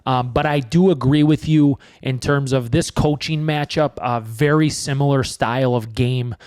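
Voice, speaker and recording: A man co-hosting a casual sports betting show, self-mocking and a bit halting. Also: mid-range voice, steady tone, darkish tone. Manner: self-deprecating, halting, laughs through his words. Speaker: sports betting podcast co-host.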